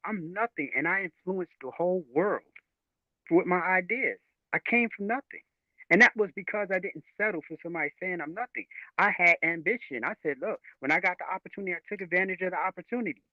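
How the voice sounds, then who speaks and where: A man's voice: high voice, no echo. A man speaking as a panel guest on a livestream, talking in an earnest, rambling way with restarts. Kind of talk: casual livestream panel chat. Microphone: video call. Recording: dry, tinny call audio.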